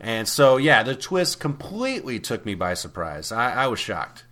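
A man co-hosting a casual movie podcast, animated and swearing freely, often laughing. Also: mid-range voice, moderate pace. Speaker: podcast co-host. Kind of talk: casual chat.

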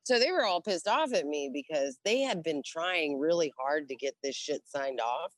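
A woman's voice: low voice, animated, moderate pace, no room sound. A woman in a casual interview, telling military stories with a lot of swearing, frequent laughs and acted-out voices of other people. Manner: profane, laughing, acts out voices in anecdotes. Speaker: interview guest, Navy veteran. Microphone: phone or call recording.

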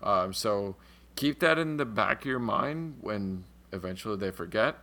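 Gravelly-voiced American man rambling on a podcast. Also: on the low side, animated, a little slow, pushed and bright. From United States. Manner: rambling, restarts often, swears casually. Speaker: podcast co-host. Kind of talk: casual podcast chat about a tabletop game.

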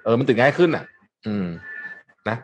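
A man hosting a casual news talk show, chatting with co-hosts in an animated, sarcastic way with many restarts. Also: medium pitch, normal speed, breathy edge. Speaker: host.

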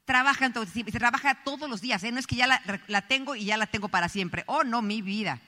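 A woman's voice: a little high, fast talker, bright, forceful tone. A middle-aged woman from Colombia giving an emphatic motivational talk, telling stories and speaking straight to the audience. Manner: emphatic, storytelling, addresses the audience directly. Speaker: motivational speaker at a business event. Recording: echoey hall reverb.

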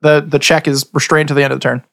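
A man with a fairly high voice runs a tabletop game. He narrates casually as game master, piecing descriptions together haltingly as he goes. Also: flat delivery, vocal fry, fairly bright tone.

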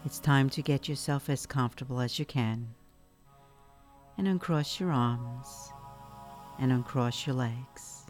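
Soft soothing lady doing guided meditation, really slow, hushed spa voice, faint music behind. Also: rumbling low.

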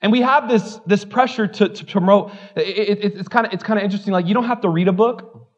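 Dull audio captures a high-pitched man talking quickly as he preaches in church. He keeps it candid and conversational, is self-deprecating, and fills his speech with "like."

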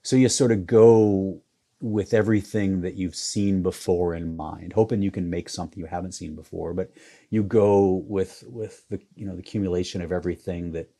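A photographer from Iowa in the US Midwest, in his forties, talks as a guest in a reflective interview. His voice is low, dark and mellow, and his delivery flat and even. He halts and restarts often, using lots of fillers as he thinks aloud.

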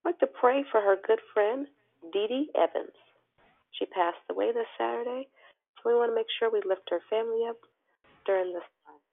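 A woman hosting a prayer call over the phone, making formal, orderly announcements and reading scripture with deliberate phrasing. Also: a little high. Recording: tinny narrow phone line.

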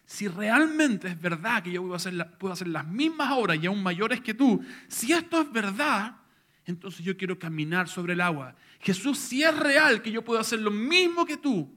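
A preacher acting out a bold, impulsive fisherman apostle who pleads in a raised, slowing voice. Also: sits high, very animated, sharp tone, voice pushed up, exaggerated voice. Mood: pleading.

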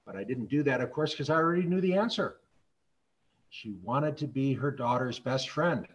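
Man, middle-aged, physician giving a talk, earnest, measured, mid-pitched. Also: lively intonation, low-quality recording. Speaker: physician and speaker. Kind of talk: public talk with stories.

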